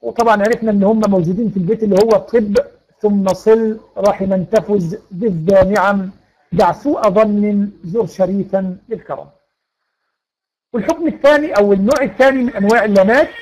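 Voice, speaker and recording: In an online lecture on Quran recitation rules, a man with an Egyptian Arabic accent recites verses slowly, explains with patience, and raises questions only to answer them himself. His voice sits high with a darkish tone, and the recording is rough.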